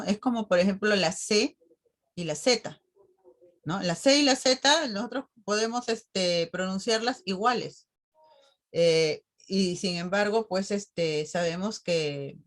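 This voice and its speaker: A woman teacher running an online class, calmly explaining and answering a student's question. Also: medium pitch.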